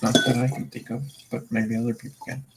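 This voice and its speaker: Hosting an online gaming voice call, a young man rambles in a laid-back, casual way and swears often. His medium-pitched voice is fast, flat in melody, and full of vocal fry, with music underneath.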